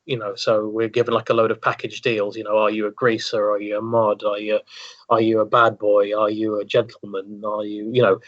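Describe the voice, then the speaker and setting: A man's voice: fairly low pitch, completely flat delivery, brisk. A man talking as a podcast guest, wordy and thoughtful, often repeating words as he thinks. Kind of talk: casual podcast chat. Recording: dull lo-fi sound.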